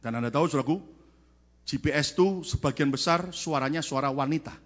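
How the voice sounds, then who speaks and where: In a large church sanctuary, a pastor preaches to his congregation in a fairly high, brisk voice. He asks questions and calls for answers, swinging between loud shouted peaks and quiet asides.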